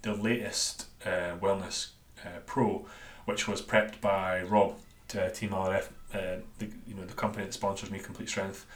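A man's voice: deep voice, flat delivery, normal speed, hardly any pauses. A man with a Dundee Scottish accent talking casually and informally as a solo podcast host and coach, rambling a little and self-deprecating. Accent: Dundonian Scottish. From Scotland. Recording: roomy, echoey sound.

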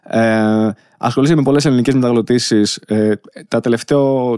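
A man's voice: medium pitch, steady tone, a little mellow, smooth, dry recording, studio quality. A man hosting a casual interview, talking in loose, rambling sentences. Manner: rambling, many fillers and restarts. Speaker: podcast host.

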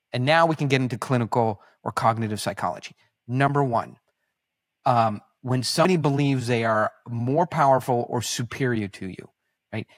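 Male podcast guest, mid-pitched, halting but animated storyteller, dry booth sound. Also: dry recording. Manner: halting, self-correcting, animated anecdotes.

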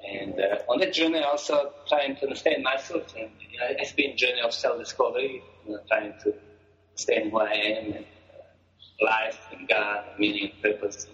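A man's voice: on the low side, moderate pace, a bit bright, reverberant, highs cut off. A middle-aged man from Croatia, answering interview questions in a hesitant way with many fillers and restarts. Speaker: guest. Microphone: phone or call line.

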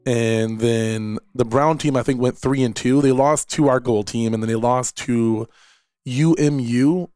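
A man's voice: mid-range voice, steady tone, a little slow, darkish tone, clear, resonant tone, no echo, clean studio sound. A man, hosting a casual solo podcast and talking in a rambling way with repeated words and fillers. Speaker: podcast host and esports director.

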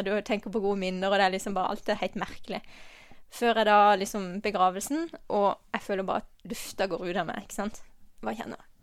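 A woman giving a personal faith testimony, halting and earnest, with many pauses and restarts, sometimes dropping to a soft whisper. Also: mid-range voice, no echo, clean studio sound. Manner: drops to a soft whisper at tender moments. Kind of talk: personal testimony, spoken from memory.

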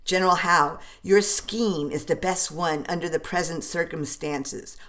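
A slow-witted general announcing his decision with stiff formality, as a woman reads him. The delivery is low and unhurried, close to the narrator's own voice. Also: fairly bright tone. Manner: formal, declaring.

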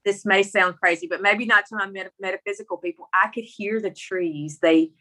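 A woman's voice: medium pitch, fairly even intonation, a little fast, sharp tone. A middle-aged woman from rural Mississippi with a Southern country accent, telling her personal story as a guest in a folksy, candid, emphatic way. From Mississippi, rural United States.

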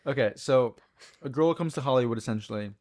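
A man's voice: mid-range voice, fast, darkish tone. A man co-hosting a podcast, explaining at length in a chatty, casual way. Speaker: podcast co-host. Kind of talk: casual film discussion.

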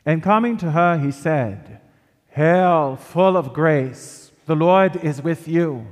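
Male priest, measured Gospel proclamation, slightly high voice, long cathedral echo in a large church. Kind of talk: liturgical Gospel reading.

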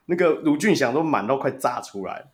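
A man's voice: mid-range voice, lively intonation, a little fast. A man with a Taiwanese Mandarin accent hosting a casual sports podcast, telling stories animatedly and laughing often. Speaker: podcast host.

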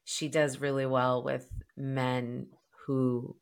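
A woman's voice: extremely low pitch, level tone, slow. A woman co-hosting a dating podcast, reflecting in casual chat with many fillers. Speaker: podcast co-host, dating coach.

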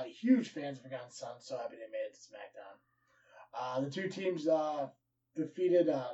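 A man co-hosting a casual wrestling podcast runs through match results with energy and casual swearing. His voice is slightly high and mellow. It is picked up from a distance and sounds muffled. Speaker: podcast co-host. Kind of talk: casual wrestling recap chat.

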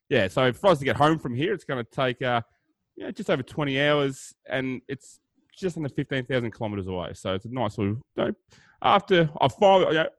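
Australian male co-host, mid-pitched, loose joking banter, dry close mic. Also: dry recording. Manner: joking, rambling with fillers and "mate". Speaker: podcast co-host. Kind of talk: casual banter.

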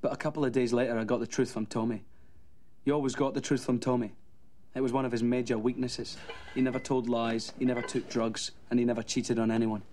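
A man's voice: medium pitch, little pitch movement, a little fast, a little mellow, natural voice. An actor playing a cynical young Scottish man who narrates a film in voice-over with dry, sardonic wit. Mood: wry. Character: wry, cynical young narrator among his mates. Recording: clear background noise.

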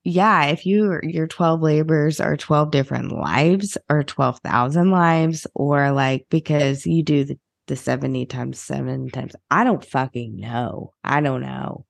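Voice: mid-range voice, a little slow, creaky, dry recording. A podcast co-host in casual chat, rambling and meandering, with frequent swearing.

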